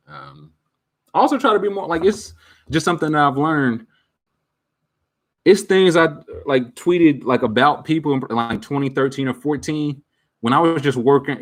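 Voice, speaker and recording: A man of about thirty, his voice mid-range and a little bright, chats casually with viewers while answering their questions on stream. He's candid and reflective, and his talk is packed with slang and filler words.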